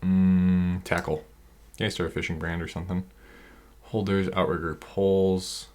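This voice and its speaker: A man with an energetic, rambling manner, coaching online sellers through a screen-share tutorial. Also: deep voice, measured pace. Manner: energetic, rambling, self-interrupting.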